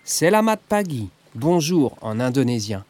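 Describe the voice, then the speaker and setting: A man's voice: medium pitch, sing-song, a little slow, a little mellow, slight background noise. A man voicing a friendly young Balinese fisherwoman who guides the family in a children's storybook. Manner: friendly, explaining.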